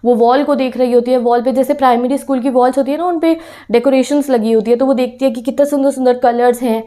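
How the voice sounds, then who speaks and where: A woman's voice: fairly high pitch, mellow. A woman teacher explaining a class 10 English chapter to students, patiently retelling the story and mixing in English phrases. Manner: explains patiently, mixes English phrases, checks in with "theek hai".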